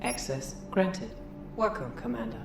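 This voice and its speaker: A woman voicing a female computer system that delivers a formal mission briefing in a measured, official manner. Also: mid-range voice, big pitch swings. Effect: computer system announcement voice. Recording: roomy echo with music underneath, game audio. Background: game soundtrack music.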